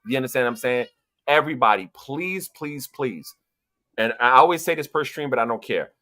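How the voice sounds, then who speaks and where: A man's voice: medium pitch, expressive, brisk, sharp tone. A man with a New York accent hosting a casual livestream panel, talking in an emphatic, motivational way and repeating his points for effect. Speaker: host. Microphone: video call.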